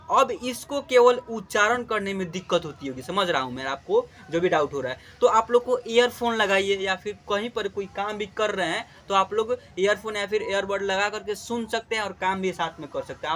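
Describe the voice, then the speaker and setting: A man gives a patient alphabet lesson to children, explaining each vowel mark step by step. His voice sits high and sounds bright and forceful. Now and then he chants syllables loudly so the students can repeat them. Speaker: teacher.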